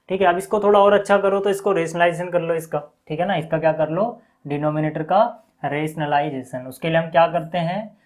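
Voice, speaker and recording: A man with an Indian accent teaching a maths lesson, explaining each step slowly and asking questions back to his students. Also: fairly high pitch, low-quality recording. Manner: repeats questions back to students, frequent check-ins.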